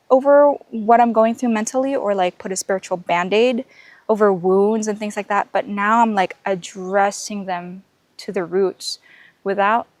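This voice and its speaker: A woman's voice: medium pitch, dry recording. A woman podcast host sharing earnest, encouraging faith-based life lessons outdoors on a canopy walk, talking reflectively with lots of fillers and restarts.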